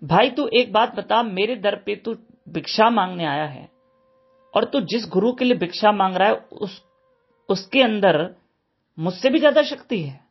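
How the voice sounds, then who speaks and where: A man's voice: sits high, lively intonation, measured pace, husky, lo-fi sound, full character voice. A man doing a boastful, angry male tantric sorcerer. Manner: boastful, threatening.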